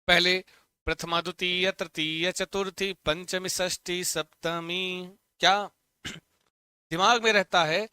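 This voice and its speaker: A man teaching a Sanskrit lesson online, chanting word forms in a steady rhythm and urging students to repeat them aloud. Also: high-pitched, takes it slowly, clean tone, no echo. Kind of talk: online exam-prep lesson.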